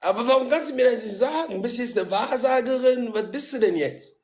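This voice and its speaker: A man's voice: very high voice, brisk, a little mellow. A man from Gabon hosting a casual video-call chat, teasing and questioning his guest playfully. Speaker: live-stream host.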